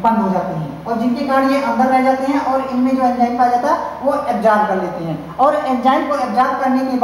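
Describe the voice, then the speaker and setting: A woman teacher with a Hindi-speaking North Indian accent giving a classroom science lecture, explaining with many repeated fillers and restarts. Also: on the high side. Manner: repetitive, filler-heavy explaining with frequent restarts. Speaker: college teacher. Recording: very echoey hall, faint hiss.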